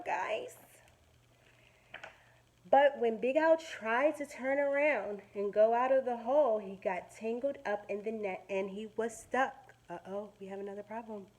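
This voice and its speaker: With a slightly high voice, a teacher dramatizes a children's story, breaking off to give young listeners easy explanations of words. The recording quality is rough.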